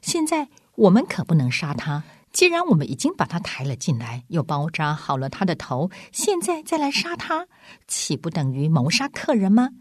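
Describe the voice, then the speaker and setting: A woman's voice: low voice, huge pitch swings, moderate pace, breathy edge, dry recording, clean studio sound, exaggerated voice. A woman voicing a blunt, decent male dwarf who argues emphatically in a spoken storybook. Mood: indignant. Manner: emphatic, exclaiming.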